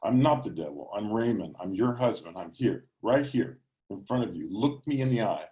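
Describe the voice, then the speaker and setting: A man voicing a gentle, saddened husband who pleads softly and reassures his wife. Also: fairly low pitch, animated, normal speed, natural voice. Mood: pleading. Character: gentle pleading husband, sad but patient.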